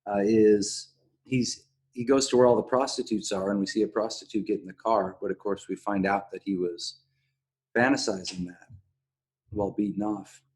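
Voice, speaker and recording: A man hosting a casual podcast discussion, speaking in a halting way and often backtracking on his words. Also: lowish voice, fairly even intonation, a little mellow, breathy edge. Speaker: podcast host.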